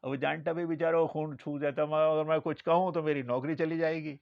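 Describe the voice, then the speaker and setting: A male Islamic scholar with a somewhat high voice gives a religious lecture, telling stories and acting out the dialogue. The recording is dull and lo-fi, with a dry sound and no room echo. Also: steady tone, vocal fry. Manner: storytelling, acts out dialogue in quoted lines.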